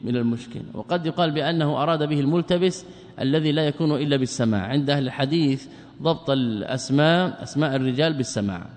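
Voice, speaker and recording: A man's voice: on the high side, fast talker, darkish tone. A man teaching a classical book in a lecture, often asking rhetorical questions and repeating phrases. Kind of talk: lecture explaining a text. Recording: long hall reverb.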